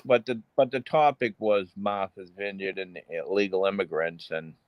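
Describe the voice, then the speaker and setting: A man's voice: deep voice, steady tone, normal speed, dry recording, lo-fi sound. A man with a Boston accent in casual chat on a live stream, rambling with many restarts.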